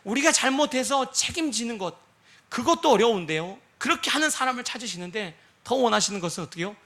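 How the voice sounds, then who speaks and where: A man's voice: extremely high pitch, expressive, quick pace, pushed and bright. A man preaching a sermon, who keeps putting rhetorical questions to his congregation and acts out the voices he quotes. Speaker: pastor.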